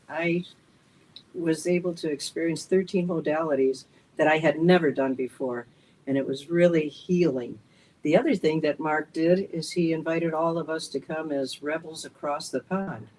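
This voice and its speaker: A woman guest at a roundtable, earnest and measured as she shares her experience. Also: low-pitched, darkish tone, rough recording. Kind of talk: casual roundtable chat.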